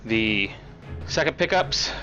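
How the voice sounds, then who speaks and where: A man with a raspy voice giving casual, chatty live commentary on a game as an esports caster. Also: on the low side, expressive, slow, bright, forceful tone, dull audio, faint music behind. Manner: casual, chatty play-by-play with fillers.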